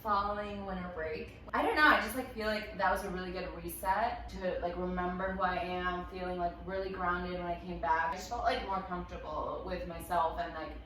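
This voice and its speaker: A woman in her twenties from Peru, a guest in a casual chat, speaking reflectively with many pauses and fillers. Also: lowish voice, steady tone, a bit bright, a little hiss or hum. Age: 20s. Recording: echoey room, mic far off.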